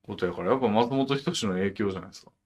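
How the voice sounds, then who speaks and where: A man's voice: fairly low pitch, racing, a little mellow. A man with a Kansai Japanese accent hosting a casual podcast chat, laid-back, with many short backchannel replies. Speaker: podcast host.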